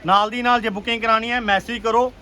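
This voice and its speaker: A man with a Punjabi accent giving an urgent, repetitive, enthusiastic sales pitch as a shop seller on an online video. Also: fairly even intonation, fast, bright, forceful tone. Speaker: clothing shop seller presenting stock. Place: busy clothing shop.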